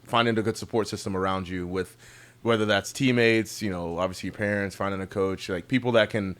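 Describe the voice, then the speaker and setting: A man's voice: fairly low pitch, fairly quick. A man from Texas, a guest athlete, joking around in a casual podcast chat. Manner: joking, animated banter.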